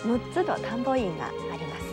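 A woman teaching a language lesson, patient and encouraging, demonstrating each sound slowly. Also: mid-range voice, lively intonation, music in the background. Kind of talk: explanatory lesson.

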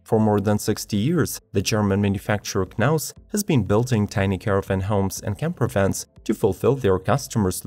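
Low-voiced male product narrator. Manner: even, measured reading of specs. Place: studio voice-over. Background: faint background music.

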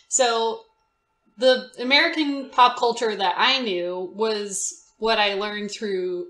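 A young woman from Indonesia, a podcast guest chatting casually in an animated, theatrical way and laughing often. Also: mid-range voice, reverberant. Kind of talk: casual chat.

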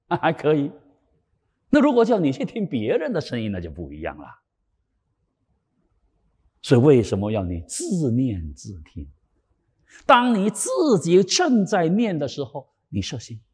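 A man with a raspy, husky voice delivers a Buddhist sermon at an unhurried pace, lines lingering in a long hall reverb. His pitch leaps and falls widely, loud emphatic phrases giving way to hushed whispered asides. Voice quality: raspy, cracked voice. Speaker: Buddhist dharma teacher.

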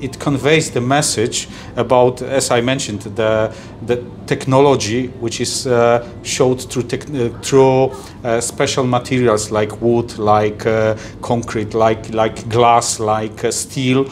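A middle-aged Polish man, an executive at a trade agency, answers interview questions in halting, Polish-accented English with many fillers and restarts. His pitch is medium and his tone steady. A distant camera in an indoor office recorded him, with slight background noise.

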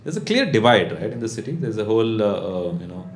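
A man in his thirties from Bangalore, India, with a South Indian English accent and a fairly low voice, does stand-up to a live audience in a small indoor comedy club. He's conversational and deadpan, pausing and tagging lines with questions. A stage microphone on a stand picks up an echoey room, audience noise and laughter.

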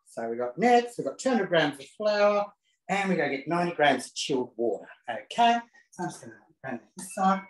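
Very animated and a touch fast, this fairly high-pitched man camps it up while chatting through a casual live cooking demo at home. Cheeky asides pepper his talk. The sound comes from a self-set camera and carries a spacious kitchen echo.

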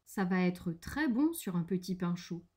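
A big, gullible male monster from a picture book speaks in a gruff, drawn-out way, as a woman reads him aloud. His lines come slowly and deliberately, sized for young listeners. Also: lowish voice, expressive, warm tone. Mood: gloating.

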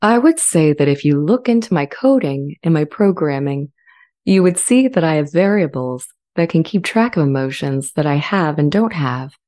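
Playing a sentient AI language model with an earnest, gentle nature, a woman reads a dramatized transcript in a low, expressive voice. Her delivery is measured, deliberate and calm, captured indoors in a home studio on a close large studio condenser fitted with a pop filter.

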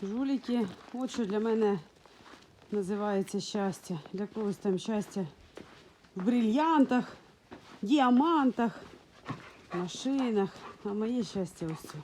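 A woman's voice: mid-range voice, measured pace, pauses often, dark tone, a little hiss or hum. A woman from Ukraine, a dog breeder, talking casually in her vlog in a frosty yard, cooing and baby-talking to her dogs into a handheld phone.

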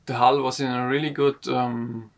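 A young sailing vlogger sits in the wooden cabin of a boat, explaining a project to the camera. His medium-pitched voice stays flat as he talks slowly and haltingly, often repeating words.

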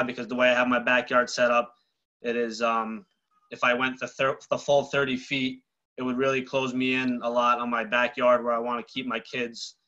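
A man's voice: medium pitch, pushed and bright, highs cut off. A man applying for a fence variance, explaining plainly over a video call with some ums. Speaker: applicant.

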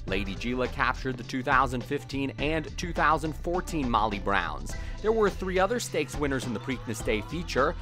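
A man reading a scripted sports preview as narrator, in a voice-over. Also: medium pitch. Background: music.

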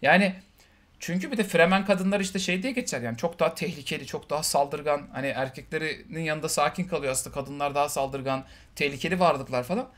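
A man co-hosting a casual film review chat, talking in an animated way and mimicking characters in quick asides. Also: fairly high pitch. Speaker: podcast co-host.

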